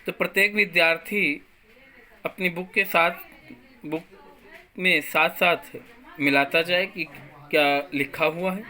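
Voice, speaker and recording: Slow bright-voiced teacher going word by word thru a text, reads verses out. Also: mid-range voice, steady tone. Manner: explains text word by word, mixes in English words; recites verse lines aloud. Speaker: school teacher. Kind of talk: classroom lesson.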